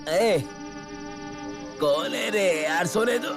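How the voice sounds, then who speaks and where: An actor playing a drunk village man who shouts and pleads in panic at night. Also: high voice, very slow. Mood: terrified. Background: music.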